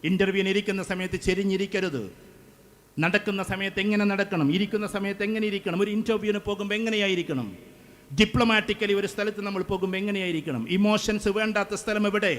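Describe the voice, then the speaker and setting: A middle-aged man speaks in a fairly high voice. He gives a motivational speech to students at a school event, building his points through emphatic repetition. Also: fairly bright tone. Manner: emphatic, with repeated phrases.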